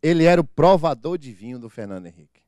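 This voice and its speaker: An animated pastor preaching, his voice leaping around in pitch as he moves from hushed, low asides to booming declarations. The tone is clear and resonant, the recording close and dry. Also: fast talker, no room sound. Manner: animated, mimics church members with comic voices; swings from soft low asides to loud proclamations. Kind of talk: lively preaching sermon.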